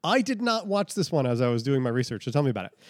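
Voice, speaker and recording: A man's voice: mid-range voice, sing-song, racing, dry recording. 30s guy rambling on a podcast, lots of restarts, dry close mic. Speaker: podcast co-host. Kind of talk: casual chat.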